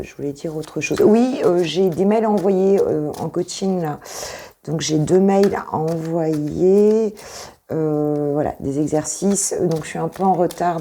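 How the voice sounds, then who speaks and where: A woman's voice: deep voice, creaky, dark tone, slight background noise. A French woman coaching intuitively, talking casually through a tarot reading with many hesitations and repeated points.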